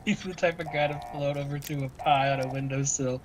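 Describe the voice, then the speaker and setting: A man's voice: on the high side, fairly even intonation, a little fast, background noise. A man chatting casually while gaming with a friend, tossing in dry joking remarks. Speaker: gaming co-host. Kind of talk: casual gameplay chat.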